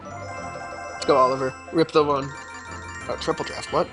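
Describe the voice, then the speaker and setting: A man's voice: fairly high pitch, level tone, unhurried. A man casually commenting on his own gameplay during a live stream, laid-back and mumbling asides as he reacts to chat. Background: game music.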